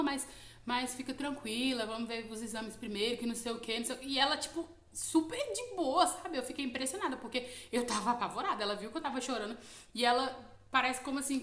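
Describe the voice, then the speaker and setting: A young Brazilian woman with a Brazilian Portuguese accent telling a personal testimony casually, animated and full of fillers. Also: on the high side, roomy sound. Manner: animated retelling, quoting others, frequent fillers like "né". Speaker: YouTube channel host.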